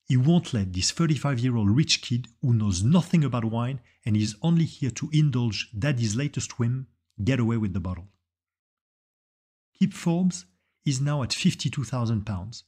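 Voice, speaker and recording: A man's voice: mid-range voice, animated, moderate pace, a little mellow, breathy edge. A man giving a scripted narration, telling a story with dramatic, suspense-building delivery.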